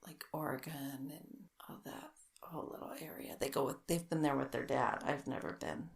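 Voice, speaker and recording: A middle-aged woman co-hosting a podcast, chatting casually over wine and telling animated stories. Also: a bass voice, normal speed, vocal fry. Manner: chatty, animated storyteller with quoted voices. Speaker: podcast co-host.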